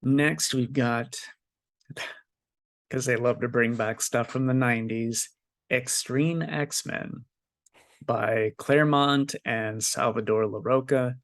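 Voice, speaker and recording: A man's voice: mid-range voice, fairly even intonation, unhurried, dry recording, clean studio sound. A man hosting a casual podcast, running through a news list in a matter-of-fact way. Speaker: podcast host. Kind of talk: casual chat, reading news listings.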